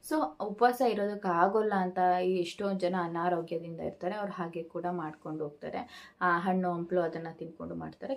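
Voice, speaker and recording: A woman's voice: on the low side, gravelly. A woman vlogger talking casually to her viewers, explaining festival rituals step by step with many "so"s and small hesitations. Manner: steady explanatory delivery with frequent "so" and hesitation sounds. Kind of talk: casual instructional talk to camera.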